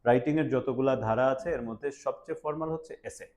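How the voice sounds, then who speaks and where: Young male teacher, classroom lecture, warm dark timbre, explanatory. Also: medium pitch, a little fast. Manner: explanatory, quizzes students, mixes English words into Bengali. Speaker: English teacher.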